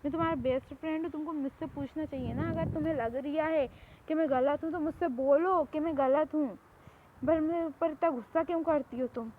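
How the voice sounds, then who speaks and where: A woman's voice: high voice, brisk, phone-quality sound, slight background noise, close to an everyday voice. A woman voicing a teasing, protective young man who scolds his best friend in a spoken fan story. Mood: reproachful. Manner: scolding, bossy.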